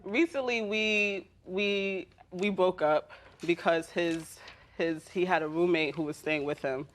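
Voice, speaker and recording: A young woman in her twenties testifies in a TV court with a whiny, complaining manner. She explains herself hesitantly and haltingly as a litigant. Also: fairly low pitch. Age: 20s. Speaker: litigant complaining about partner in a TV court show.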